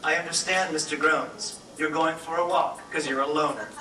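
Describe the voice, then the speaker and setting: A man's voice: on the high side, steady tone, normal speed, sharp tone, pitched below the performer's own voice. A man voicing a playful hotel clerk woman who giggles and teases a guest in a sing-song way. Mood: mock-soothing. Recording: echoey room, distant mic, music behind.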